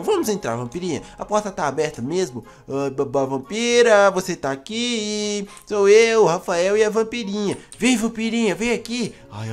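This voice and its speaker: A man narrating a playful Minecraft story, speaking animatedly in a childlike way with gasps and exclamations. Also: high-pitched. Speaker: gaming storyteller.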